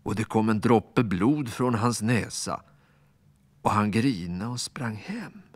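A man reading a children's story in a lowish, husky voice that rises and falls a great deal. He sometimes drops to a hush, and the recording is dry and close with faint music behind. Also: no room sound. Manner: expressive, hushed at times.

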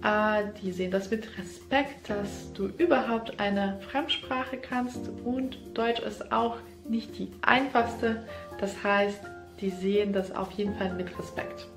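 A woman language teacher explains things in a relaxed, conversational way, as if talking to one viewer. Her voice rings in a roomy space. Instrumental music plays clearly behind her. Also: medium pitch, slow pace. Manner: conversational, talks straight to the viewer. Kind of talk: casual explanatory video lesson. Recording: roomy echo with background music.

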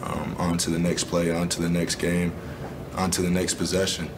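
Speaking in a monotone, a twentysomething basketball player answers postgame questions in a calm, measured fashion, often saying "you know" and "um." The press room around him is noisy.

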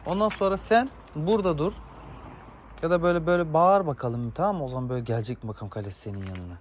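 A man, a father and dog owner, chatting casually to viewers in a yard while giving sharp commands to his dogs. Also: on the high side, very fast, slight background noise. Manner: sharp commands to dogs, shooing them back. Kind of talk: casual vlog talk to viewers.

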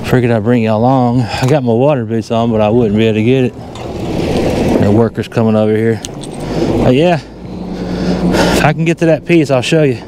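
A middle-aged metal detecting vlogger with a Southern US accent narrates in a folksy, easygoing way while out in open farm fields, recorded on a handheld or body-worn action camera. He speaks at medium pitch and normal speed, with long pauses. Noticeable background noise runs under his voice.

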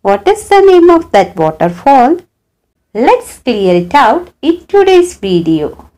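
Speaking slowly in a high-pitched, warm, very animated voice, a channel host and narrator tells a story through scripted voice-over. Her delivery swoops dramatically in true storyteller fashion.

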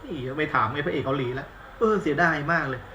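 Guy rambling thru a movie review on his livestream, slangy and joking at himself, kinda high bright voice, echoey room. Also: fast, a little hiss or hum. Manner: chatty, rambling, blunt slang, self-mocking. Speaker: movie reviewer on live stream. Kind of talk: casual live-stream chat. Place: indoors at home, live stream.

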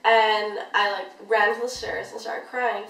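This young adult vlogger has a medium-pitched, fairly bright voice with vocal fry, and she speaks steadily and unhurriedly. She tells her camera a rambling, chatty story packed with "like", recorded from a distance in an echoey room with her voice a bit off-mic.

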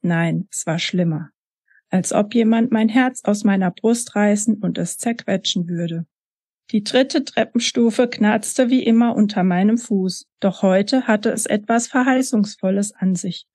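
A woman author reading her own first-person novel aloud in a soft, emotional way. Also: medium pitch, unhurried, no echo, studio quality.

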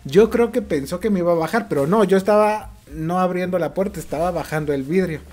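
A man with a Mexican accent telling a funny personal story for his vlog, animated and laughing often. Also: sits high, brisk. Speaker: vlogger.

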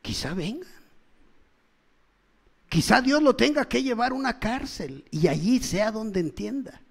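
High-pitched, gravelly Mexican preacher. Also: male voice, big pitch swings, measured pace. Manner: impassioned, calls out to listeners, swings between loud and hushed. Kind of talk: sermon. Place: church.

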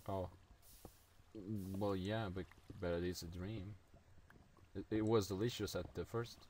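A man chatting casually while playing a video game with a friend, making silly deadpan jokes. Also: low voice, measured pace, background noise. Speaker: gaming video co-host. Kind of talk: casual gameplay chat.

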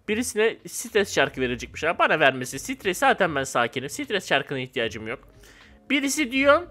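A young man giving casual gameplay commentary, excitable and loud at times, then dropping to a flat mock-calm mumble. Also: high voice. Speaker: gamer.

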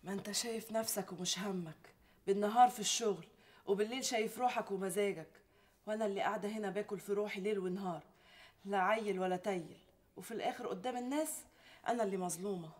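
A woman's voice: medium pitch, fast, a little mellow, natural voice. A woman with an Egyptian accent playing a frustrated, complaining wife who longs for a child in a TV drama. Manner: complaining, reproachful. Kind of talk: TV series acting.

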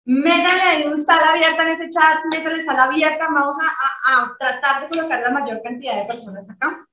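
A Colombian woman hosting a live video call, greeting her audience warmly and effusively, laughing often. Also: high-pitched, a little fast. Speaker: network marketing presenter. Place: home living room. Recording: echoey, from a distance.

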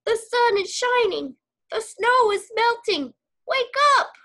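Woman reading as an excited, high-calling frog. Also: measured pace, full character voice. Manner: calls out loudly and high. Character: eager cheerful male frog, excited friend.

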